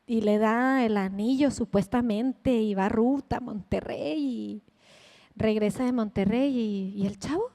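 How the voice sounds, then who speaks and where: A woman with a Mexican accent preaching a sermon, telling a personal story in an animated, chatty way with asides. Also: fairly high pitch, a little slow, long reverb tail.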